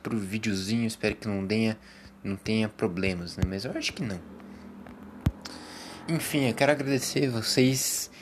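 A man's voice: fairly low pitch, normal speed, pauses often, noisy background. Brazilian man rambling with jokey asides. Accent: Brazilian Portuguese. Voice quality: animated, jumps into loud mock narrating voices. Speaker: host of a casual talk program. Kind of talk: rambling casual chat with impressions.

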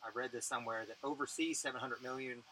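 A man co-hosting a casual podcast over drinks, loose, joking and quick to curse. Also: medium pitch, fairly even intonation, pushed and bright, low-quality recording. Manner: laughing, loose and profane. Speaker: podcast co-host.

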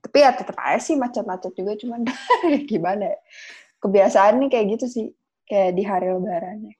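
A woman's voice: medium pitch, brisk, dark tone, slightly rough. A young woman with a Jakarta accent chatting casually in colloquial Jakarta slang, with some English mixed in. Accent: Jakarta Indonesian. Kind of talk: casual chat.

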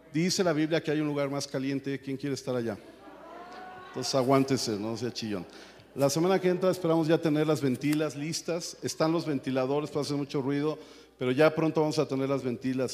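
A man, preaching a sermon as the pastor of a church, at times rising to shouts. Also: medium pitch, in a large hall. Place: church hall.

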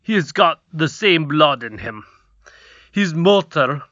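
A pompous goblin king, squat and self-important, talking in a stately, smoothing-over way as a man acts him out. The voice sits a little high and bright, close and dry on a dull, lo-fi recording. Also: expressive, takes it slowly, no echo, exaggerated voice. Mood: placating. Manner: pompous, placating.

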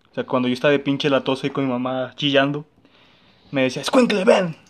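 A man's voice: medium pitch, little pitch movement, fast. A young man with a Mexican accent telling a personal story in casual, slangy chat, full of fillers.

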